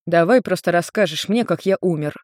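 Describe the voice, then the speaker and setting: A narrator voicing a confused blond male demon who speaks softly and wryly. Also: medium pitch, fairly quick, no room sound, studio quality, natural voice.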